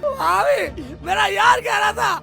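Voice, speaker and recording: Brief: male actor as a squeaky-high, gravelly comic fool, blubbering and shouting, music bed under him. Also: takes it slowly, heavily acted. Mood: mischievous. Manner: wailing theatrically, shouting, blubbering. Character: bumbling foolish man Sheikh Chilli, loud and weepy. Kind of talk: low-budget comedy film acting. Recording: background music under dialogue.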